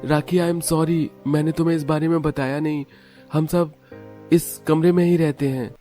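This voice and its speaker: A man's voice: a little high, flat delivery, normal speed, warm tone, soft background music, voice pushed up, lightly acted. A man voicing a flustered young husband in a cartoon story, pleading in a strained way.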